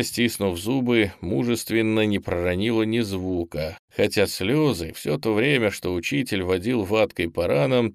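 A man reads a novel aloud as its narrator, keeping the telling steady and even. His voice is on the low side, and the recording is close and dry, with no trace of room sound. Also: vocal fry, no echo. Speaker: audiobook narrator. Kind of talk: scripted narration.

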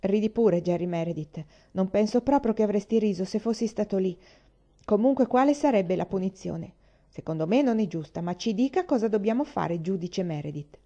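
A woman's voice: mid-range voice, lively intonation, moderate pace, mellow, dull audio. A woman reading aloud, voicing an earnest, defensive young girl who protests with a wounded tone. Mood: indignant.

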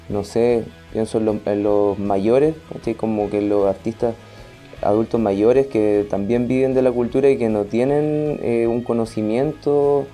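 A mellow, mid-range male voice with a Chilean Spanish accent. He's a podcast and theatre artist appearing as an interview guest, chatting casually in an informal, colloquial and hesitant way.

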